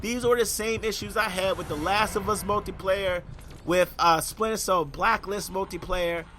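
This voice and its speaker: A young man with a high, bright voice talks through a video game review in a loose, chatty way. He speaks straight to his viewers and calls them y'all. His tone stays relaxed and conversational. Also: normal speed, slight background noise.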